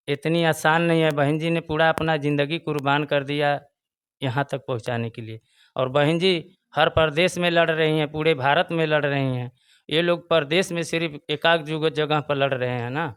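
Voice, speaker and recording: A man with a Bhojpuri-tinged Hindi accent speaks earnestly in an interview, his voice slightly high and notably clear and resonant. He circles back to his main points and presses them harder as he goes. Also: a bit bright. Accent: Bhojpuri-tinged Hindi of eastern Uttar Pradesh. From Chandauli, Uttar Pradesh. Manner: earnest, repeats his points, rises in emphasis. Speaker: local party booth president, interviewee. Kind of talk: casual political opinion interview.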